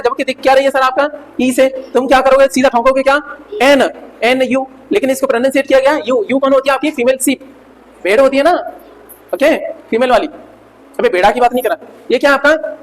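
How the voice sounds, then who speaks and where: A male English teacher giving a revision lecture, asking the class questions and answering them himself, repeating key words and spelling out letters. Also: very high-pitched. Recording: reverberant room with faint noise.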